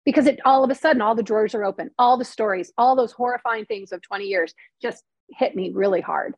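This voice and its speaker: A middle-aged woman with a slightly high, husky voice tells her story as an interview guest. She is chatty and earnest, leans on fillers, and acts out the lines of the people she quotes. The sound is close and dry, with no room around her. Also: quick pace, no echo. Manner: chatty, heavy use of "like" and "you know", acts out quotes; earnest and candid. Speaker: interview guest, former TV news reporter turned novelist. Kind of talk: emotional personal storytelling in conversation.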